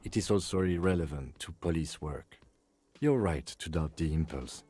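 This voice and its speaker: Calm, deadpan police lieutenant. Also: male voice, extremely low pitch, husky, soft background music, full character voice. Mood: measured. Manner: measured, precise, deadpan sarcasm. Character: calm, dry-witted male police lieutenant. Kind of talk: video game dialogue.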